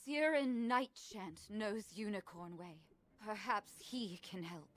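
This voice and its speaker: A woman's voice: mid-range voice, slow, a crowd in the background, lightly acted. A woman playing a solemn, kindly mentor to a young wizard in a fantasy game, formal and dramatic. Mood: urgent, ominous. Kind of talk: scripted fantasy game dialogue.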